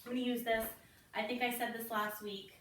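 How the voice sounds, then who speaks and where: A woman teaching a children's ballet class, slowly naming and counting the steps as she demonstrates them. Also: on the high side, little pitch movement, fairly bright tone. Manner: slow, encouraging, counts and names steps while demonstrating. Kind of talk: online kids' ballet class instruction. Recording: roomy, from a distance, faint noise.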